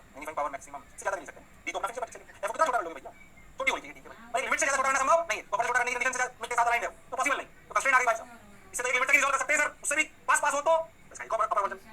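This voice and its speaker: Male teacher, high-pitched, very fast, sharp tense voice, lively call-and-response lecture. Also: a little hiss or hum, poor audio. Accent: Hindi. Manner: energetic, coaxing students with call-and-response; fast, rapid-fire explanations. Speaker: physics teacher.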